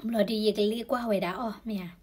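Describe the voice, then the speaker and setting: A woman's voice: medium pitch, quick pace, darkish tone. A woman explaining health topics in a conversational way, often adding tag particles to her sentences. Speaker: health educator.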